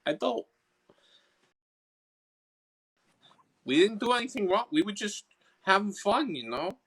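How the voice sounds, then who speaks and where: A man's voice: sits high, sing-song, moderate pace, fairly bright tone, husky, pitched above the performer's own voice, exaggerated voice. A flighty young sprite , put on by a man, stammers and backpedals in a tabletop game. The voice sits well above a normal male register. It rises and falls with nervous energy. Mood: pleading. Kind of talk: tabletop game role-play.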